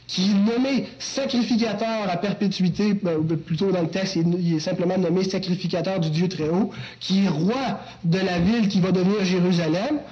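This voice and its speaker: A man's voice: high voice, a little mellow, lo-fi sound, a little hiss or hum. A man preaching an expository sermon, teacherly with joking asides to the congregation. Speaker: pastor.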